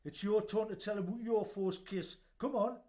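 A man's voice: high voice, steady tone, moderate pace, dark tone, close to an everyday voice. A man playing a shy man who remembers childhood sweethearts and then coaxes his friend to tell his own story.

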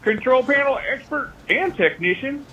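A man's voice: extremely high pitch, animated, normal speed, pushed and bright, highs cut off, a little hiss or hum. A man leaving a rambling, joking voicemail message as a caller, stumbling over his words with constant "you know" fillers. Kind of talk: joking prank-style call.

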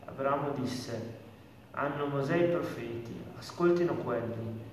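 Man reading bible passages slow, far off mic, big echoey room. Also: medium pitch, a little mellow, a little hiss or hum. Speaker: scripture reader. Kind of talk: reading scripture aloud. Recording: distant mic in an echoey hall.

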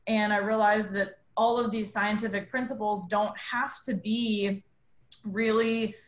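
A woman's voice: mid-range voice, flat delivery. Woman in a roomy echo telling her story. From New Mexico. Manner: earnest, storytelling, thoughtful pauses. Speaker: bar owner and guest. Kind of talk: interview conversation.

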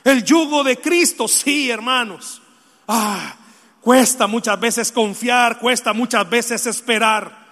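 A man preaching a sermon, addressing the congregation directly with questions and moving between soft, sorrowful confession and loud exhortation. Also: extremely high pitch, slow pace, big-room sound.

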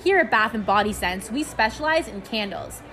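A woman playing an upbeat store clerk giving a sales pitch in a comedy sketch. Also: expressive, moderate pace, a bit bright, soft background music. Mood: chirpy. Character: chirpy woman store clerk selling candles.

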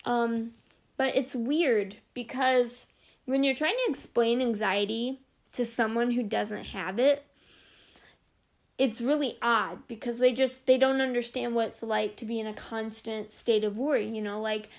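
A woman's voice: fairly high pitch, steady tone, a little slow. Chatty young woman hosting a podcast. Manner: chatty, lots of fillers like "like" and "you know"; open and personal. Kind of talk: casual solo talk.

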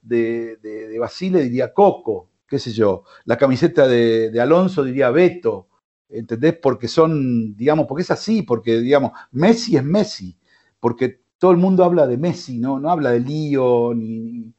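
A man's voice: mid-range voice, animated, moderate pace, mellow, dull audio. A man with an Argentine accent hosting a sports radio show, rambling with many fillers and restarts. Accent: Argentine Spanish. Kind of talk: casual sports radio talk. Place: radio studio.

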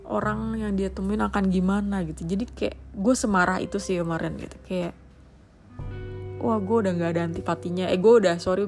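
A young woman talks in a chatty, slangy way, sounding exasperated. Her voice has a gravelly fry. Faint music plays behind her. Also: mid-range voice, a little mellow. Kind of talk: casual monologue.

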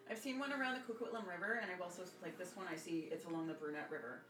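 A woman co-hosting a casual podcast, chatty with quick short reactions. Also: fairly low pitch, expressive. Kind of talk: casual chat. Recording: echoey room, faint noise.

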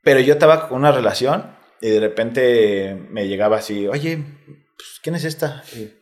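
A man's voice: medium pitch, moderate pace. A man with a Mexico City accent, a guest in a casual interview, telling a personal story candidly and in slang, step by step. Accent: Mexico City Spanish. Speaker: interview guest, retired footballer.

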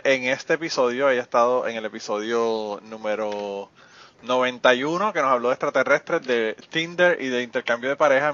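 A man's voice: mid-range voice, fairly bright tone, lo-fi sound. A man hosting a podcast in a laid-back, joking, chatty way. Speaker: podcast host. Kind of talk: casual podcast chat.

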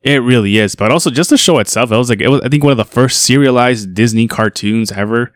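A man's voice: medium pitch, fast, dry recording. A man co-hosting a podcast in a casual, rambling chat, swearing freely. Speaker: podcast co-host.

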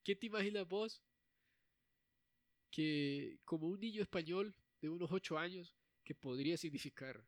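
A young man co-hosting a casual chat, animated and quick to laugh, often acting out the lines he talks about. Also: a little high, no room sound, studio quality. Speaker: podcast co-host.

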